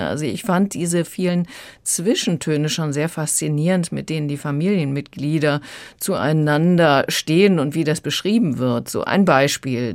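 A critic talks through a novel in an engaged, explanatory manner, at middle pitch. The voice is dry and close to the mic. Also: dry recording. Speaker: literary critic. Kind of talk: book review talk.

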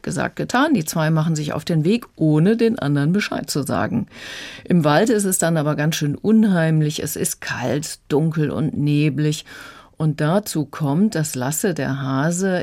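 A woman critic chatting on the radio, retelling a story in a relaxed way. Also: deep voice. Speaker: book critic. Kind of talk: radio review, casual explanation.

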